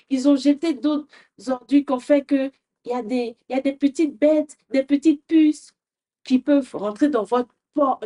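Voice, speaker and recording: High-voiced woman teaching small kids. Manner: gentle, questioning, often adds "hein?". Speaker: children's show host. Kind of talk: teaching young children.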